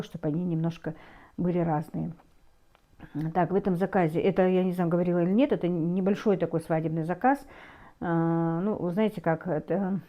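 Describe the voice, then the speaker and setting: A middle-aged woman chatting casually in a home cooking vlog, speaking haltingly and often correcting herself as she goes. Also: fairly low pitch, mellow. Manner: halting, with hesitant self-corrections. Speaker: home cook taking food orders, vlogger.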